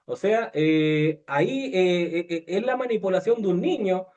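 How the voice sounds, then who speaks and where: A man's voice: sits high, a little slow, darkish tone, highs cut off. A man preaching a conversational sermon, full of hesitations and restarts, often asking his listeners questions. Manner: many fillers and restarts, asks listeners questions, acts out quoted voices.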